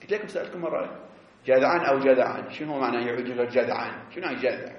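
A man giving a seminary lecture, explaining animatedly and drawing out key words slowly. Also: mid-range voice, lively intonation. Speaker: teacher of religious jurisprudence. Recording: echoey, dull lo-fi classroom recording.

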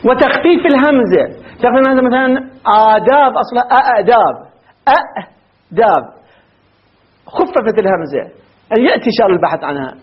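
A male teacher lectures his class, firing rhetorical questions at the students and reciting word forms one after another. His voice sits high and swings widely in pitch. The recording is dull and lo-fi. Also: animated, very fast. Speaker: grammar teacher.

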